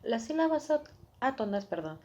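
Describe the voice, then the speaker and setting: A woman's voice: fairly high pitch, very animated, normal speed, a little mellow. A woman reading a scripted lesson from her notes and correcting her own slips. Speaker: student presenter.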